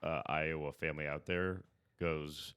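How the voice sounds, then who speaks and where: A man's voice: extremely low pitch, fairly even intonation, measured pace, fairly bright tone, smooth, no room sound. A man co-hosting a comedy podcast, rambling in casual chat and trailing off into mumbles. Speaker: podcast co-host. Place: podcast studio.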